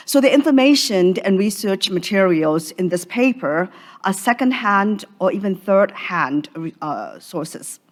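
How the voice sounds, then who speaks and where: A woman from Hong Kong presenting an academic paper at a conference in a measured, formal way. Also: lowish voice. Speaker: conference speaker. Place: conference session room.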